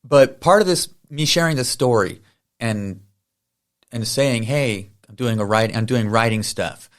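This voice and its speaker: Male podcast host, mid pitch, rambling conversational delivery full of fillers. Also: unhurried. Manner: rambling, many fillers and tangents. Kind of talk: casual podcast intro and interview.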